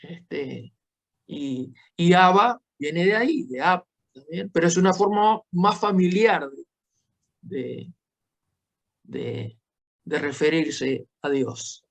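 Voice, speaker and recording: A male teacher explains step by step in an unhurried, patient classroom manner. His voice sits a little high for a man. He keeps checking in with his students as he goes. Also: animated, vocal fry. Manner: slow, explanatory, frequent checking tags. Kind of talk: classroom lesson.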